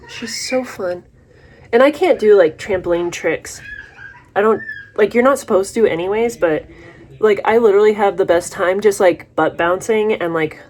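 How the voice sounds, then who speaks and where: A young woman talks through her makeup routine in a relaxed, rambling vlog. Her speech is loose and chatty, full of fillers and asides. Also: medium pitch. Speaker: vlogger. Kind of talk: casual vlog chat while doing makeup.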